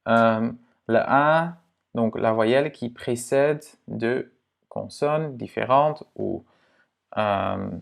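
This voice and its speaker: Male language teacher, slow gravelly delivery, casual and chatty, lots of check-ins with the viewer. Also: mid-range voice. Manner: relaxed, filler-heavy explaining to the viewer, with frequent "hein" and "ok". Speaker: Dutch pronunciation teacher. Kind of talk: casual explanatory lesson.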